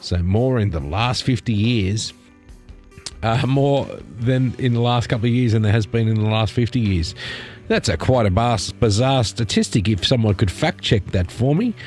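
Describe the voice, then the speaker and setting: A man's voice: medium pitch, lively intonation, normal speed, darkish tone. A man hosting an informal news commentary on memes, rambling along in a casual, sardonic way. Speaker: host of a satirical news commentary channel. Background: music.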